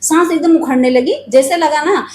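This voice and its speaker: A woman with a high voice tells a personal spiritual story in an earnest, confiding manner. She speaks straight to her viewers. The room has a clear echo and a faint ambient hum behind her. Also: normal speed, darkish tone.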